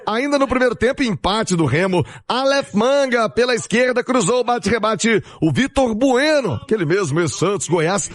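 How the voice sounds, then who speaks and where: Man, Brazilian accent, high pitch, radio match recap, sports presenter, emphatic short phrases. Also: expressive, normal speed, few pauses.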